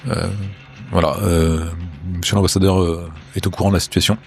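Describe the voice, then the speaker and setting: Very low, creaky man narrating. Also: little pitch movement, brisk. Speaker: game master. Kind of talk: improvised tabletop role-play narration.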